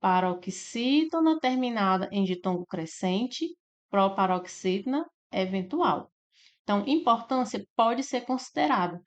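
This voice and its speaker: A woman with a Brazilian Portuguese accent teaching a grammar lesson for exam prep. She explains step by step, slowly drawing out syllables and checking in with "né?" and "tá?". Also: mid-range voice, expressive. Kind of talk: slide-based grammar lesson.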